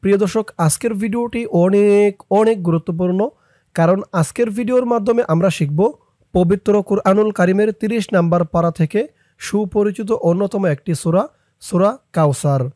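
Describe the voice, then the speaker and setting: A man teaching Quran recitation letter by letter, chanting the verses in long drawn-out tones and explaining pronunciation between them. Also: high voice, mellow, no room sound. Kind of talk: slow tajweed lesson with spelled-out letters and recitation.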